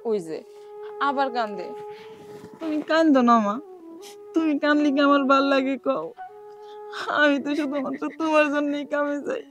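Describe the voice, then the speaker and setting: A woman's voice: high-pitched, animated, normal speed, pauses often, muffled recording, soft background music. A tearful young village woman. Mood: pleading. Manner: tearful, pleading. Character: poor young village woman, sorrowful and tender. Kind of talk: TV drama acting.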